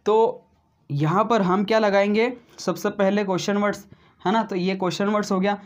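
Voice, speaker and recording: A man teaching a video grammar lesson who speaks slowly and deliberately, addresses viewers as friends, repeats each example and keeps adding a "right?" tag. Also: high-pitched, fairly even intonation. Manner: slow and deliberate, says he explains step by step.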